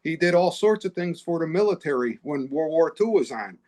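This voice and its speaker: A man's voice: on the high side, lively intonation, fairly quick, darkish tone. Matter-of-fact man explaining old cars. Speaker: co-host, car expert. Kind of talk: casual chat.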